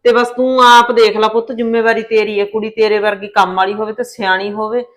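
An actress playing a calm, motherly aunt with a Punjabi accent, giving advice. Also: a little high, fairly quick, close to an everyday voice. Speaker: older aunt in a family drama. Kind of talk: Punjabi short film acting.

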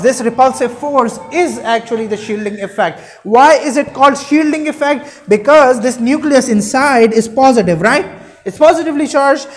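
A young man gives an explanatory classroom lecture. He teaches by posing questions and answering them himself, adding short check-in tags as he goes. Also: extremely high pitch. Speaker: chemistry teacher. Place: indoor room at a whiteboard.

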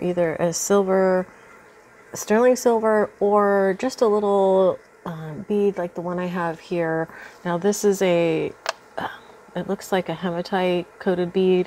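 A woman with a fairly low, slightly mellow voice talks through some beadwork at an indoor craft table. Allergies have her congested, and in this casual tutorial she's chatty, musing aloud with many ums.

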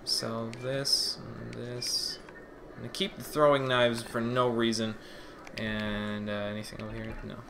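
A man's voice: mid-range voice, little pitch movement, a little slow, vocal fry, noisy background. A man playing a co-op video game, chatting casually and bossily instructing the others. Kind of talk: casual co-op gaming chat.

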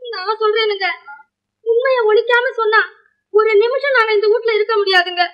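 A woman's voice: very high voice, lively intonation, brisk, lo-fi sound. An actress playing a chatty, scolding woman of the household in a 1950s film, rambling through her story. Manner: scolding, rambling tale-telling.

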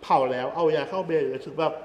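A man's voice: fairly high pitch, quick pace, darkish tone. A man in a casual reaction chat who talks openly and earnestly about personal experiences. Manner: earnest, open storyteller. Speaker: reaction video co-host. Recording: echoey room with long reverb and faint noise.

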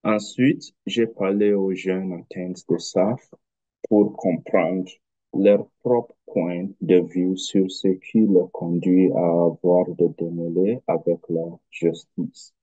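A man with a foreign accent in French, a non-native speaker giving an academic presentation in halting, careful phrases over a video call. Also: deep voice, flat delivery, dark tone, breathy edge, no echo, highs cut off. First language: not French. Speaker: researcher presenting a study.

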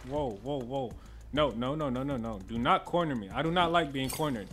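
A man giving joking, slangy commentary as he plays through a video game, with loud reactions. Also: medium pitch, expressive, moderate pace, faint music behind. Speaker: gaming channel host. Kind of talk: casual playthrough commentary.

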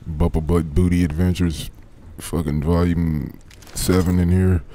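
A man's voice: low-pitched, level tone, a little slow, warm tone, a little hiss or hum. A man casually narrating his video game play, laid-back and crude, muttering to himself as he loots and picks locks. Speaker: gaming commentator. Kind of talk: casual let's play commentary.

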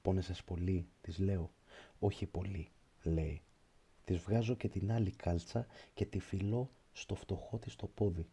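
A man reading a literary prose audiobook in a slow, measured, reflective way. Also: deep voice, mellow, breathy edge. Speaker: audiobook narrator.

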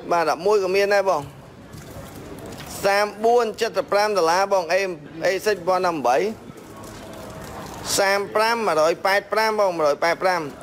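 A high-pitched man from Cambodia works through his shop's phone models and prices in a steady, practiced patter. He sounds like a seller doing a price rundown, with a faint noise of the shop behind him.

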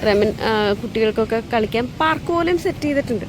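Female vlogger, higher-pitched, casual, code-mixes English; clearly noisy outdoor recording. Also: lively intonation, fast. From Lakshadweep, India. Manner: mixes English words into Malayalam. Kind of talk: casual chatty vlog. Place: outdoors at a park by a beach.

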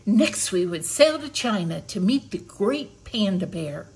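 A woman's voice: medium pitch, sing-song, unhurried, darkish tone, husky, full character voice, low-quality recording. A woman voicing Grandfather Bear, a kindly old bear who explains things patiently in a storybook. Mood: explaining.

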